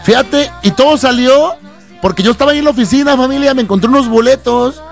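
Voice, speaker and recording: A man's voice: very high voice, fast, creaky, soft background music. A young man with a Mexican accent hosting a radio show, joking and bantering in slangy back-and-forth. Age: young adult. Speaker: radio host.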